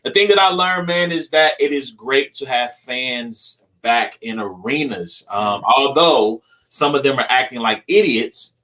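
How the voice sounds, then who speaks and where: Young male podcast host, loose rambling delivery, bright and forceful tone. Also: medium pitch, animated, a little slow, few pauses. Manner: loose and rambling, many ums. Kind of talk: casual podcast chat.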